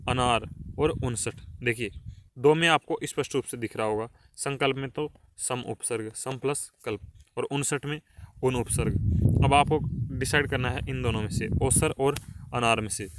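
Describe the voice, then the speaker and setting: A male teacher goes through test answers in an online class, explaining step by step and asking rhetorical questions. His voice sits at an ordinary pitch. A clear hiss and some clicks run under the recording.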